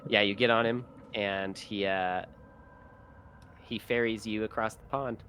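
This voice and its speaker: A man narrating as game master in a halting way, with many fillers. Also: fairly low pitch, steady tone, pushed and bright, slight background noise.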